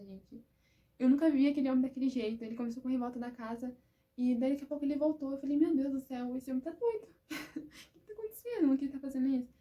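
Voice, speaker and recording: Young Brazilian woman vlogger, warm mellow voice, slightly high, emotional casual storytelling. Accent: Brazilian Portuguese. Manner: chatty, emotional, addresses viewers as "gente".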